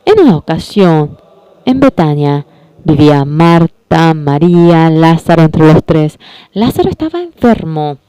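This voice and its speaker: Slow, clear-voiced sermon interpreter. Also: mid-range voice, very animated, warm tone, no echo. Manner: slow, repetitive phrasing with self-corrections.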